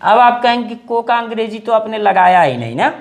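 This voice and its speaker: A man in his forties teaching English grammar in Hindi as a lesson, repeating phrases and stretching out English words slowly. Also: sits high, animated, creaky. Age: 40s.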